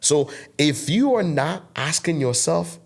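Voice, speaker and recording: On this podcast interview, the guest content creator preaches with emphasis: he's in his thirties, grew up in Togo speaking French first, and carries a French West African accent. He talks at a measured pace in a somewhat high voice with lively intonation and some vocal fry.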